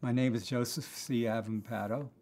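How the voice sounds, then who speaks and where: Soft-spoken gravelly man in his eighties. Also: medium pitch, fairly even intonation, normal speed. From Pennsylvania. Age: 80s. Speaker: interviewee. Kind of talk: documentary interview storytelling.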